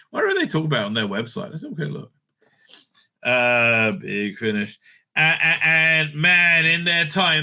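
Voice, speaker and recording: A middle-aged man hosts a show, offering casual, rambling, opinionated commentary in a medium-pitched, sharp voice. He's emphatic yet halting, often repeating himself and double-checking his points.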